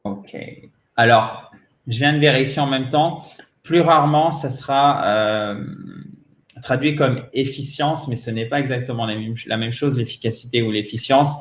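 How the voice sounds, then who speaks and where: A man with a French accent, a native French speaker, teaching English pronunciation in a patient way and repeating words slowly for drilling. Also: medium pitch, echoey room. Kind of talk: pronunciation lesson.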